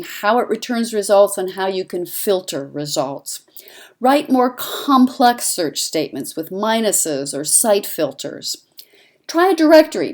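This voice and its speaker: A woman, a journalism instructor, narrating an instructional lesson in a clear, conversational teaching manner. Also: on the low side, darkish tone.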